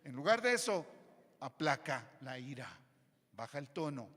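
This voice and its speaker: Animated pastor preaching in a reverberant hall. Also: male voice, normal speed. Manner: animated, swings between loud emphatic lines and quiet low asides. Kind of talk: sermon. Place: church hall. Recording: long church hall reverb.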